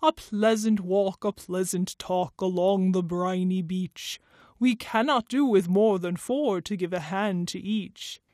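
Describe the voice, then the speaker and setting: A woman voicing a pompous, smooth-talking walrus in a storybook verse, with drawn-out, grandly theatrical speech. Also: medium pitch, a little mellow, no echo, studio quality, voice pushed down, close to an everyday voice. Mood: coaxing.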